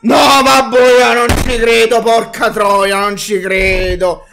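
A man's voice: extremely high pitch, flat delivery, takes it slowly, creaky, background noise. A man ranting as an exasperated football fan, swearing and repeating himself. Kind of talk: spontaneous fan rant at a match.

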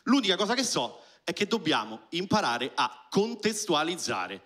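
A male stand-up comedian, performing an animated routine and shouting his punchlines. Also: a little high, normal speed. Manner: animated, shouts punchlines, acts out quoted voices. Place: comedy club stage with live audience.

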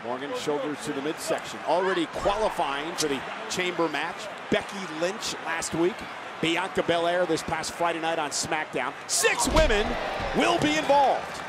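A man's voice: a little high, animated, normal speed. A man giving dramatic, emphatic play-by-play as a wrestling commentator. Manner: dramatic, emphatic calls of each move. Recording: loud arena noise behind. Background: loud wrestling arena.

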